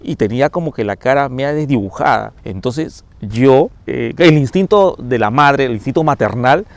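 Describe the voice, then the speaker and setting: A man's voice: medium pitch, animated, normal speed, no echo. A man, a firefighter paramedic telling his own ghost story, acting out the scenes with sound effects and little asides. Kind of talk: first-person ghost story told on camera.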